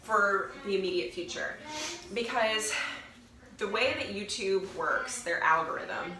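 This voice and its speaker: Her mid-range voice moves at a measured pace, and a crowd can be heard in the background. Nasal and congested as she gets over a cold, the young fitness vlogger chats to camera, rambling and correcting herself, captured with a roomy echo and faint noise.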